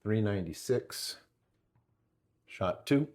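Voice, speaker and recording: A man's voice: on the low side, animated, slow, heavy background noise. A man with a New England accent, casually narrating a hands-on gear test, calling out readings with chatty, rambling asides. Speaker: channel host testing gear.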